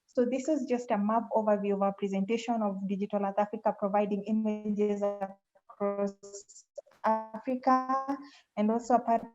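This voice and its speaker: A woman giving a webinar pitch presentation over a video call, often repeating phrases as she searches for words. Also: steady tone, moderate pace, muffled recording, over music.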